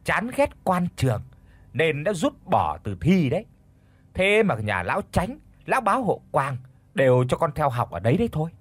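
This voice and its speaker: A man's voice: sing-song, moderate pace, husky, no echo. A man voicing a pushy, nagging old wife of a rich villager who bosses her servants in an audio story. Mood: arguing. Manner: nagging, shrill, bossy.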